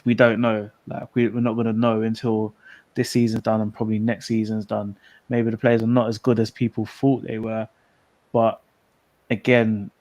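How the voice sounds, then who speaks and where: A man talks football on a podcast over a call. His voice sits at an everyday middle pitch, and his speech is easygoing and slangy, rolling along in loose sentences. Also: darkish tone, dry recording. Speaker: podcast co-host. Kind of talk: casual football chat.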